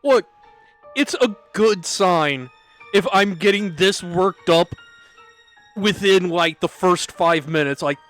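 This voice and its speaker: A man's voice: high voice, slow pace, fairly bright tone, soft background music. A man giving casual, reactive commentary while streaming a game, swearing casually. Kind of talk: casual let's-play commentary.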